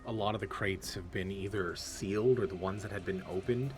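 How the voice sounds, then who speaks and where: A man's voice: on the low side, brisk. A man running a tabletop game as game master, narrating loosely with restarts and fillers. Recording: music playing behind.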